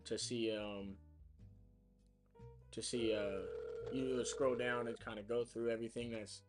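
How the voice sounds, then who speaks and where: Guy livestreaming his sales calls, mid pitch, talks as he works, music in the background. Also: little pitch movement, unhurried. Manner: chatty, explains as he works, many fillers and restarts. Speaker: real estate caller livestreaming his work. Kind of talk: casual live stream talk.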